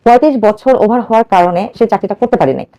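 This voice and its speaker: Racing through her own life story for a radio host, a woman from Bangladesh in her thirties speaks with earnest urgency and performs the dialogue she quotes. Her voice is medium-pitched and mellow, with the highs cut off, and the telling is emotional.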